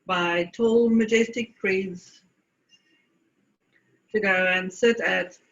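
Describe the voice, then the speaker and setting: A South African woman leads a guided meditation, speaking in deliberate phrases with long pauses. Her medium-pitched voice keeps a steady tone, and the audio sounds dull.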